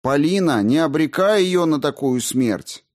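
A man voicing a resolute aunt who speaks firmly yet gently and with urgency. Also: on the high side, lively intonation, measured pace, voice pushed up. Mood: urgent. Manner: urgent, firm and gentle at once. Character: middle-aged aunt, resolute yet tender woman.

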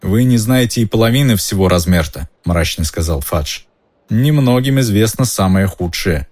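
A man's voice: lowish voice, lively intonation, normal speed, a little mellow. A man voicing a stout, pompous government minister with a confiding, ingratiating manner in an audiobook. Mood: grave. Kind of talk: audiobook character voice.

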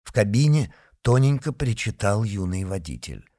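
A man's voice: fairly low pitch, big pitch swings, moderate pace, dark tone, no room sound, clean studio sound. A man narrating an audiobook expressively, voicing each character.

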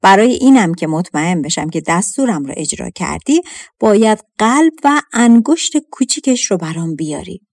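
A woman's voice: medium pitch, big pitch swings, a little mellow, dry recording, clean studio sound. A woman reading a cold, vain innkeeper mother. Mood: commanding. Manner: cold, commanding.

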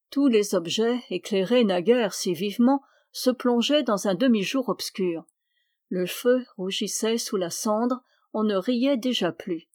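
A woman's voice: mid-range voice, darkish tone, no echo, studio quality. Woman reading a novel aloud. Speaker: audiobook reader. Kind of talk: scripted narration of a novel.

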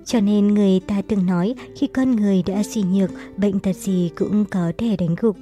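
A woman narrates a novel in a steady, even way. Her voice is very dark and mellow, with soft music playing faintly underneath. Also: medium pitch. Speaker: audiobook narrator.

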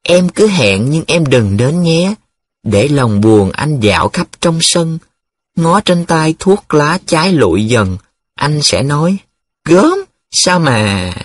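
A man voicing a cocky, teasing young male student who jokes in a sing-song way, with a husky voice. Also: mid-range voice, expressive, brisk, fairly bright tone, no room sound. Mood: excited.

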